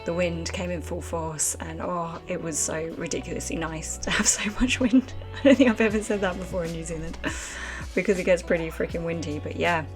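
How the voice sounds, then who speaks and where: A woman with a lowish voice streams a game live from her desk mic, talking briskly with hardly any pauses over soft background music. It's casual let's-play commentary where she rambles, chats with her viewers, and leans heavily on fillers.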